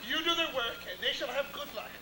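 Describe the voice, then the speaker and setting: A man's voice: very high-pitched, expressive, quick pace. A man playing a curious, teasing fairy attendant, projecting his lines in Shakespearean stage style. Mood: teasing curiosity. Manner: projected theatrical recitation. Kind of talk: outdoor stage performance of Shakespeare. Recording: echoey outdoor theatre, faint noise.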